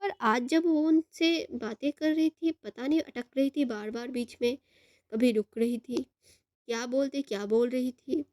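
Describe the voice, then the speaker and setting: A young woman telling a love story in a chatty, halting way. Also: high-pitched, a little mellow, no echo. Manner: chatty, halting, retells both sides of the phone call. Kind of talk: storytelling narration.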